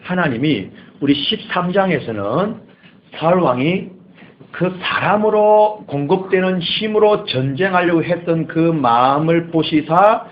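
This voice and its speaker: A male pastor preaching a sermon in church, animated and dramatic. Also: fairly high pitch, unhurried, lo-fi sound. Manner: animated preaching, acting out scripture quotes.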